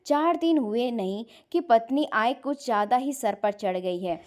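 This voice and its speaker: Woman voicing furious mom yelling at her son, highish voice, family story. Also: animated, measured pace. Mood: angry scolding. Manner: shouting, scolding. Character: furious middle-aged mother scolding her son.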